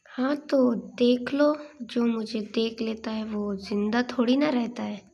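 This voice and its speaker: Woman playing a quiet, menacing crime queen. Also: on the high side, steady tone, takes it slowly, vocal fry, music in the background. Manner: quiet, threatening.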